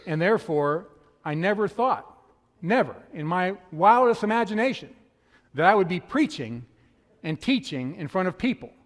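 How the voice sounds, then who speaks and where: A male pastor from the northern United States preaching a sermon in a quick, conversational storytelling way, with a slight lisp on his s sounds. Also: sits high, lively intonation. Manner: fast-talking, conversational storytelling. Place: church sanctuary. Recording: long hall reverb.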